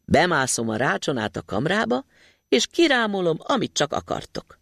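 A man voicing a tiny, mischievous boy in a storybook reading, shouting and teasing. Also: fairly high pitch, huge pitch swings, vocal fry, no room sound, clean studio sound, full character voice. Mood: eager.

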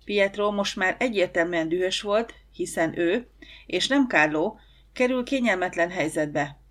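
A woman reads a novel aloud in calm, measured narration. Her voice sits a little low for a woman, with an even storytelling pace. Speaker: audiobook narrator. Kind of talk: scripted narration.

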